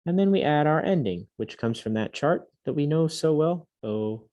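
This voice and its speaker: A man teaching a Latin lesson to young students, patiently drilling words aloud slowly and clearly. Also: on the high side, expressive, highs cut off. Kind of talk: recorded classroom lesson.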